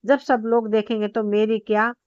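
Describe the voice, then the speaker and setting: A woman voicing a greedy, pompous middle-aged merchant who grumbles and gives orders in a hushed voice. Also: on the high side, flat delivery, moderate pace, clean tone, no echo, highs cut off, lightly acted. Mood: grumbling.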